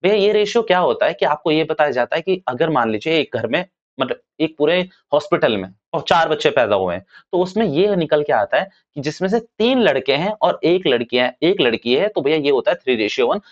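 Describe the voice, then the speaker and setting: A man gives a casual classroom lecture on commerce, talking straight to his students and going over points again. His voice sits a little high. The recording sounds dull and lo-fi. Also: lively intonation, brisk. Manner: chatty, addresses students as "bhaiya", repeats points. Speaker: commerce teacher.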